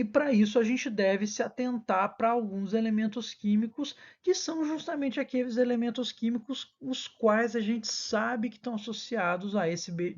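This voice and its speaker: Female lecturer, mid-pitched, patient and didactic, self-correcting, slightly muffled recording. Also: darkish tone. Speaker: university lecturer.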